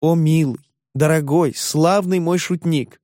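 A man voicing an effusive, tearful middle-aged landlady with a trembling voice, raised higher than his own, in a dry recording. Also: moderate pace, darkish tone, no room sound, close to an everyday voice. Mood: tearful rapture.

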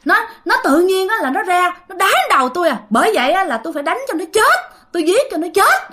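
Brief: a woman playing an enraged possessing spirit in a spoken ghost story, shrill and high, vengeful ranting. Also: very animated, fast, sharp tone, exaggerated voice. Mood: aggrieved, furious. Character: angry spirit possessing a man.

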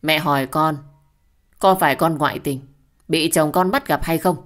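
A woman's voice: low voice, normal speed, close to an everyday voice. A woman voicing a stern older mother-in-law who questions sharply.

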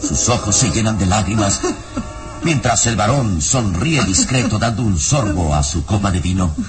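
A man narrating an old-time radio drama in a measured, even storytelling voice. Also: lowish voice. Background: dramatic background music.

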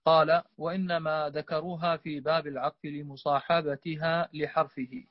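Student guy reading the text out loud, careful, bit stumbly, muffled dry recording. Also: on the high side, little pitch movement, moderate pace, dry recording. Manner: reads carefully with small stumbles and fillers. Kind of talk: reading a classical text aloud in class.

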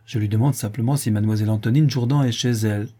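A man reading an audiobook and voicing a remorseful young soldier making a halting confession. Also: lowish voice, fairly even intonation, dark tone, natural voice. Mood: ashamed.

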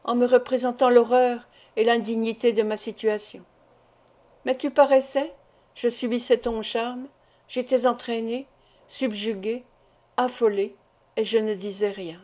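A tormented middle-aged mother, ashamed of a forbidden love, pleads her case with impassioned, tearful insistence, as a woman narrator reads her part. The voice sits fairly high but sounds mellow and warm. This is a storybook reading, not full stage acting. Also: natural voice. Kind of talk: audiobook reading of a novel.

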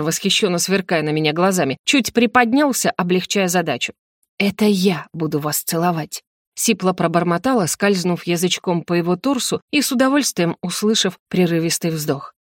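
Woman reading a lively audiobook. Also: lowish voice, brisk, no echo, clean studio sound. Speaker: audiobook narrator. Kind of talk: first-person audiobook narration.

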